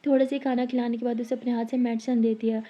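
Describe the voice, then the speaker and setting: A woman narrating a love story in a calm, conversational storytelling way. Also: a little high, fast. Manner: calm, conversational, clears throat now and then. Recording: slightly dull lo-fi audio.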